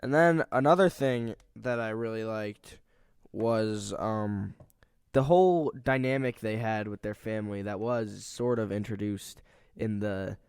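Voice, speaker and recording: Smooth-voiced man rambling about movies. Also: fairly low pitch, a little slow, dry recording, studio quality. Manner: rambling, filler-heavy, animated. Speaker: podcast co-host. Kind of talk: casual movie review chat.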